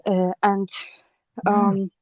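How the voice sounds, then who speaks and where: A woman's voice: mid-range voice, monotone, very slow, dry recording. A woman from Poland, chatting casually on an online stream, giggling often and hesitating with many fillers. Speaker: guest on a stream. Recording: dull lo-fi call audio.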